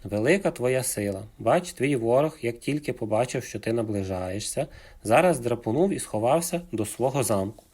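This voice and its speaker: A man voicing a small, timid but cunning male hare who speaks politely and flatteringly, with a husky voice. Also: mid-range voice, normal speed, natural voice. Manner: polite, flattering, as courteous as he can.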